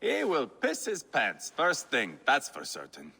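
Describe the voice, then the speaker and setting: A man's voice: mid-range voice, wildly swooping pitch, unhurried, creaky, pushed and bright, slightly rough, full character voice. A man voicing a brash, scarred Viking warlord who talks in a crude, mocking, taunting way in video game dialogue. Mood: scornful.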